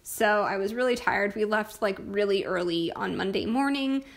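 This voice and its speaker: Hoarse, gravelly-voiced young woman. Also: mid-range voice, moderate pace. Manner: chatty, lots of filler words. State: hoarse, losing her voice. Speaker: planner vlogger. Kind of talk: casual chat.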